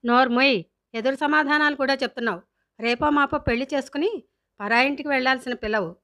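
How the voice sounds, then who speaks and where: A woman reading a storybook, voicing a sharp-tongued middle-aged mother who scolds loudly and sarcastically. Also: high-pitched, quick pace. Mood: scolding.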